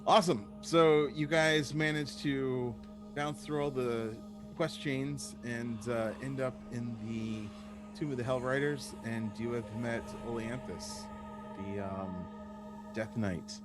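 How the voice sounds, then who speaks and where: A man's voice: medium pitch, steady tone, takes it slowly, over loud music. A man narrating a tabletop game as the game master. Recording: noisy voice recording with hum.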